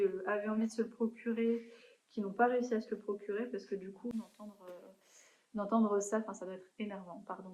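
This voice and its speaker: Mellow-voiced woman chatting about books. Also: mid-range voice, echoey room, poor audio. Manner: chatty, hesitant with frequent fillers. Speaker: book vlogger. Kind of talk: casual book review chat.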